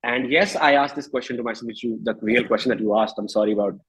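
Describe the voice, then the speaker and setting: This interview guest, a man in his thirties with an Indian accent, has a mid-range, somewhat bright voice with a breathy edge. He reflects openly, frequently hesitating and rewording as he goes. The recording is low quality.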